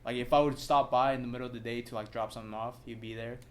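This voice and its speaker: A man's voice: medium pitch, fairly even intonation, very fast, slight background noise. Profane, rambling young male podcaster. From Southern California. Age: young adult. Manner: loose, profane storytelling full of fillers. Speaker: podcast co-host. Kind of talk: casual chat.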